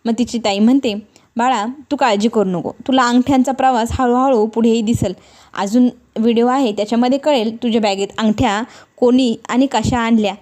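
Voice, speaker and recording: Woman recapping a TV serial, high voice. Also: fairly even intonation, a little fast, darkish tone. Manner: reads every character's lines in her own voice. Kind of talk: retelling a TV serial episode.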